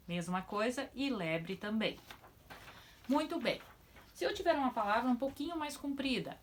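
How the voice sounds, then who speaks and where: A woman teaches a children's class at a middle pitch. She talks to young pupils in a patient, sing-song way. She slows right down to draw words out syllable by syllable. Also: a bit bright. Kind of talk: children's lesson.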